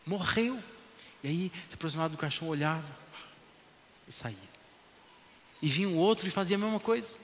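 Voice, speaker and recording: A man preaching a sermon emphatically, repeating his points and dropping to hushed lines. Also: on the high side, animated, a little fast, long pauses. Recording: echoey hall, faint noise.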